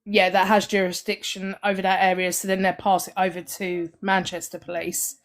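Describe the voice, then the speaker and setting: A woman's voice: mid-range voice, level tone, normal speed. A woman streamer chatting casually and explaining things in a plain-spoken way. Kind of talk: casual live-stream chat.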